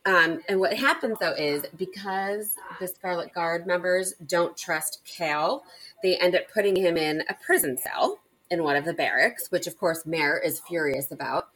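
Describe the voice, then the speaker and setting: A woman's voice: fairly low pitch, a little slow, a bit bright, husky, rough recording. A woman hosting a casual book discussion, recapping the plot with enthusiasm and laughing often. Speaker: book podcast host.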